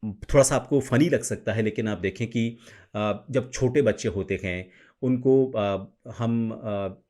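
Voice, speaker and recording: A man giving a pronunciation lesson, speaking slowly and carefully and showing each sound himself. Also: lowish voice, darkish tone. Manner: slow, careful, demonstrates sounds. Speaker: teacher of pronunciation. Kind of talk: spoken tutorial to camera.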